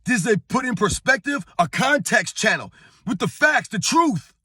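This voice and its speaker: A middle-aged sports channel host, on vacation at a beach, delivers a casual talking-head rant to his viewers in a hoarse, worn-out voice. He sounds high, tense and bright, animated at a moderate pace, emphatic and repetitive, calling everyone "guys" as he drives his point home. The recording is close and dry, with no room sound.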